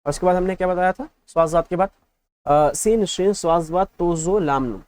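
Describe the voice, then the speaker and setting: A man's voice: high voice, brisk, a little mellow, clean tone, no echo. A male teacher giving an exam-prep lesson, patiently drilling letters in repeated lists and asking the class check questions.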